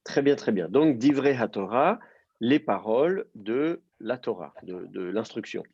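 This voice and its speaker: A man's voice: mid-range voice, expressive, measured pace, a little mellow, breathy edge, no room sound, highs cut off. A man teaching a language class, explaining step by step and quizzing his student. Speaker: Hebrew teacher. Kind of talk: live class instruction.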